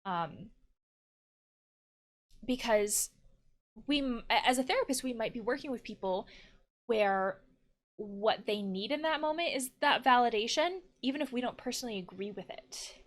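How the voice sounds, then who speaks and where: Her voice is fairly high with lively intonation, at a normal speed but with frequent pauses. As a therapist playing a video game, she offers casual, reflective let's play commentary, musing aloud.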